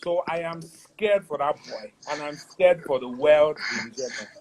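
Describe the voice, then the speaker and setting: A man hosts a relaxed talk show in a notably high voice. He jokes, teases his guest and breaks into laughter, keeping the chat playful. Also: moderate pace, low-quality recording. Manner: playful, teasing, laughs often. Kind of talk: casual chat interview.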